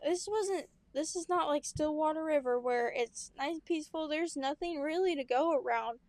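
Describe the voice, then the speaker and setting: A woman's voice: high voice, normal speed, darkish tone, no echo. A young woman telling family stories in a casual chat, laughing often and acting out what people said. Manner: chatty storyteller, laughs often, acts out quotes. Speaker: podcast co-host.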